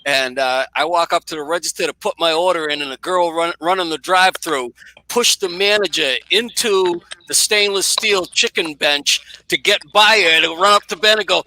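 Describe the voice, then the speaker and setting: A man from just south of Boston, now in Florida, co-hosting a casual chat show, telling stories in an animated way and mimicking people. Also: moderate pace, poor audio. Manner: animated storyteller who mimics others in a high voice. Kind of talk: casual live-stream chat.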